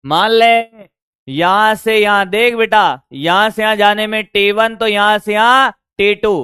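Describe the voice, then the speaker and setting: A male physics teacher, lecturing online at a board, his voice hoarse from shouting, coaxing students and checking whether they follow. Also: high voice, measured pace, no room sound, studio quality. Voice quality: strained, worn voice. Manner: coaxing, keeps asking if students got it.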